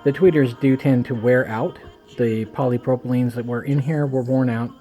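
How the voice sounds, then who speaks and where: A man's voice: mid-range voice, steady tone, normal speed, mellow, faint music behind. A man with toothless, slightly slurred speech, casually rambling through a home audio review in a wry, self-deprecating, irreverent way.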